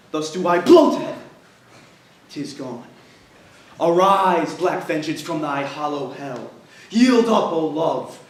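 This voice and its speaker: A man acts out a betrayed, vengeful husband in a stage monologue, fierce and anguished. The delivery is slow and declamatory, in a fairly high male voice echoing through a hall. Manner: declamatory, with sudden outbursts. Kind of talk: dramatic stage monologue recitation. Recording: echoey hall, distant mic, faint noise.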